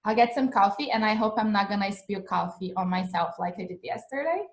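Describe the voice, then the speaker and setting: A chatty woman whose first language is Portuguese teaches English in a live-streamed lesson, her mid-range voice brisk. She's animated and gestures a lot while explaining, sitting in a small indoor room before a webcam and a plain wall, with echoey room sound.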